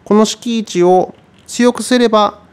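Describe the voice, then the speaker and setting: A man teaching guitar in a relaxed tutorial, chatty and thinking aloud with many fillers. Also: high voice, a little slow. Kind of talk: casual tutorial explanation.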